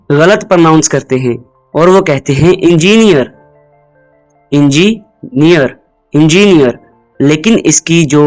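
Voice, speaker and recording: Teaching pronunciation in an instructional explainer, a fairly high-voiced man drills each word slowly and repeatedly, inviting the listener to repeat after him. Faint music plays underneath a rough recording.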